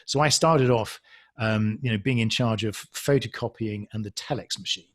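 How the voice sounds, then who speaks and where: Man, husky voice, halting speech, many ums, reflective, self-deprecating, podcast guest. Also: fairly low pitch. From England. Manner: hesitant, halting, with frequent ums and restarts. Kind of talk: casual conversational interview.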